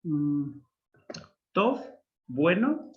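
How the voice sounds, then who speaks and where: A man's voice: on the high side, big pitch swings, very slow, phone-quality sound. A man teaching a Hebrew class, patiently explaining grammar rules with examples. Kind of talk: online language class.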